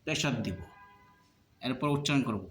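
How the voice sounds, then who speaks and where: A man's voice: mid-range voice, expressive, moderate pace, reverberant, slight background noise. A man teaching Arabic letter pronunciation step by step, patiently drilling each sound with many repetitions in a colloquial way. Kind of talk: slow step-by-step lesson.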